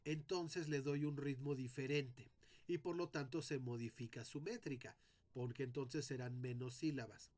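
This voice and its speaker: Man slowly teaching poetic meter. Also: medium pitch, steady tone, a little mellow. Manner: slow, deliberate, sounding out syllables one by one; addresses students directly. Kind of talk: spoken lesson on poetic meter.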